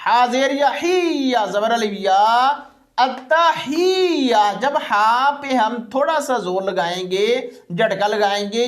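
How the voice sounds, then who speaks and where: Man, religious teacher, earnest repetitive lesson delivery, slow drawn-out recitation. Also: very high-pitched. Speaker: Islamic teacher.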